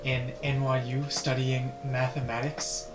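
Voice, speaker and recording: A young man in his twenties introduces a student vlog in an easy, plain-spoken way. His voice sits in a roomy, echoing space with loud music behind it, at a middle pitch. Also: little pitch movement, unhurried. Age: 20s. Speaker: host. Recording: roomy sound over background music.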